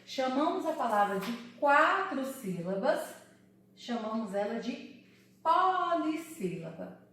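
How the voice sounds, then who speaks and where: A woman teaching a Portuguese lesson for children, sounding out words slowly syllable by syllable. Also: high voice, big pitch swings, a bit bright, heavy reverb, far from the mic, slight background noise. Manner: slow, syllable-by-syllable explaining.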